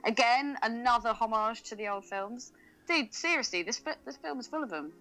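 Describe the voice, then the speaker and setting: A woman's voice: a little high, animated, normal speed, pushed and bright, poor audio. A woman co-hosting a podcast, chatting casually about a film, laughing often and thinking aloud with fillers. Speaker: podcast co-host. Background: faint music.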